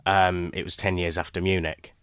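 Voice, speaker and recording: A man co-presenting a sports radio show, talking football history in a relaxed way with filler words. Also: deep voice, normal speed, smooth, no echo, clean studio sound. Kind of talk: casual radio chat.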